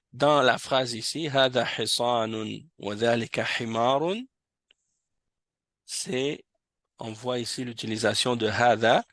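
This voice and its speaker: Guy teaching arabic in a mosque class, gravelly voice, dry sound, patient, keeps repeating stuff. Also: mid-range voice, a bit bright, no echo. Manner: patient, repeats and corrects students, mixes French and Arabic. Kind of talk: classroom lesson explaining Arabic in French.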